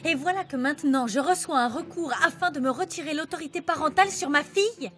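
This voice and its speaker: A female dub actor playing a proud young mother in a telenovela, indignant and forceful in a custody quarrel. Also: high voice, fast talker, soft background music. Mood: accusing. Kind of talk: dubbed telenovela acting.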